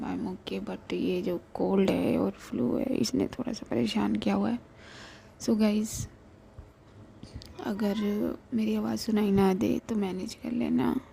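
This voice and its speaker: Slow gravelly woman with a cold. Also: mid-range voice, a little hiss or hum, low-quality recording. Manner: soft, often half-whispered, mixes English into Hindi. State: has a cold and flu. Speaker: storyteller and channel host. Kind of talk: casual storytelling narration.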